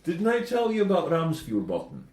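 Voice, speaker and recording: A man's voice: a little high, wildly swooping pitch, normal speed, a little mellow. Profane joking Norwegian man, roomy sound. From northern Norway. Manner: profane, joking, laughs often. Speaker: podcast co-host. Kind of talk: casual podcast banter.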